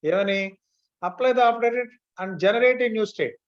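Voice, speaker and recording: A man's voice: very high-pitched, very fast. A man with a Telugu Indian accent teaching an online class step by step, mixing Telugu and English and often checking that students follow. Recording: dull, lo-fi online class audio.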